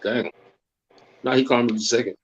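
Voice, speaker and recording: A man in his thirties narrates wrestling action and chats casually as the show's commentator, swearing freely and reading out match narration. His mid-range voice runs a little fast. The audio is dull, with slight background noise.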